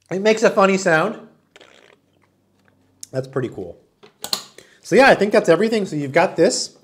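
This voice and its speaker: A man in his forties, his voice sitting on the high side, gives a casual and enthusiastic product review, handling and demonstrating the item as he talks. He's in a small indoor room with a wood-panel wall, and there's a slight background noise.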